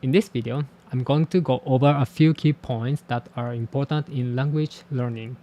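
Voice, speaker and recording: A Japanese-native man with a mellow, medium-pitched voice and fairly even intonation talks to camera about learning languages. He teaches languages and hosts a channel, and his reflections come across as candid, self-deprecating and measured.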